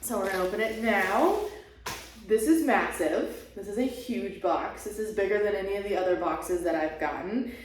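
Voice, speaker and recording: A woman hosting a casual unboxing vlog, gushing and excitable, recorded in a bare, half-furnished room with heavy echo. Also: medium pitch, moderate pace, distant mic, slight background noise. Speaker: channel host.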